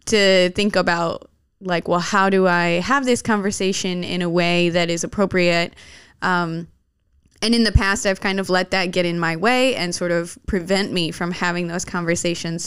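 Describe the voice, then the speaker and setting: A woman hosting a podcast interview, speaking in a thoughtful, measured way with soft hedging fillers. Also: fairly low pitch, smooth, no room sound, clean studio sound. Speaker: podcast host. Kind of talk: casual interview conversation.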